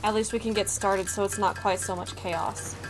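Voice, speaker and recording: Excitable woman streaming a game. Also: mid-range voice, normal speed, low-quality recording. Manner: excitable, laughs often, thinks aloud. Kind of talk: casual gameplay commentary. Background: game music.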